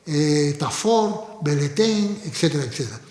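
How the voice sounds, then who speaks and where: A man's voice: on the high side, expressive, unhurried, darkish tone. A man with a Canarian Spanish accent presenting his book, explaining at length with frequent restarts and asides. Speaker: book author. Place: cultural centre hall. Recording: echoey hall recording.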